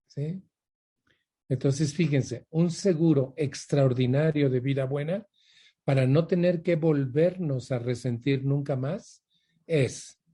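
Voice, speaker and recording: Mellow husky older Mexican man preaching. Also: on the high side. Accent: Mexican Spanish. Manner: emphatic, repetitive, asks the audience questions. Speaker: speaker for a women's support group. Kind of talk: motivational talk with anecdotes.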